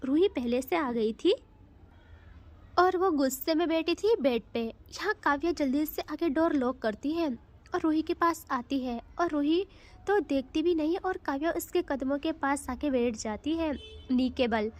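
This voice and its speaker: A woman's voice: high voice, a little slow. A woman storyteller narrating a romantic audio story in a chatty way, with conversational asides.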